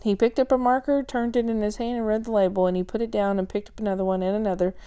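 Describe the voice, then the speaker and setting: A woman reading a children's chapter book aloud at a calm, steady pace, with a few small slips. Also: medium pitch, fast, clear, resonant tone. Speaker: storyteller.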